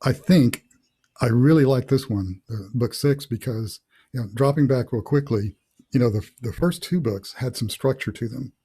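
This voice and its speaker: Mellow, husky man rambling on a call. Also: mid-range voice, normal speed. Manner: rambling, thinks aloud with many fillers. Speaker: author and host. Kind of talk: casual interview chat.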